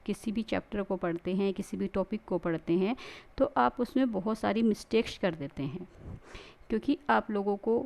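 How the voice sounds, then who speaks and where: Teacher, woman, mellow gravelly voice, patient explainer who repeats points for students. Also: medium pitch, normal speed. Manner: repetitive, explanatory, addresses students directly. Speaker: English teacher. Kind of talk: classroom-style video lesson.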